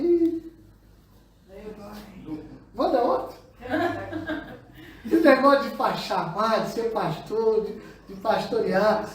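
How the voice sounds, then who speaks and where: A man preaching a sermon as pastor, pressing the congregation with call-and-response questions. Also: sits high. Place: church hall with congregation. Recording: echoey church room, mic far off, congregation.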